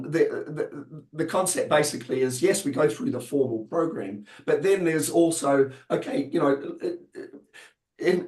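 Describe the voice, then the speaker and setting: A man's voice: fairly high pitch, darkish tone, echoey room. A man presenting in a webinar, explaining a support program with many fillers and restarts, losing his voice. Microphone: online video call.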